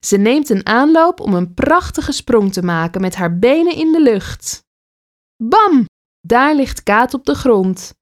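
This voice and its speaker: A woman reading a children's story aloud with an expressive delivery. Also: on the high side, slow pace.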